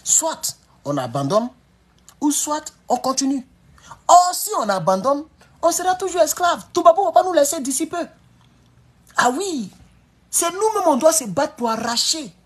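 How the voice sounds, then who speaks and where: A man giving excitable, emphatic political commentary on a live stream. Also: very high voice, moderate pace, pauses often.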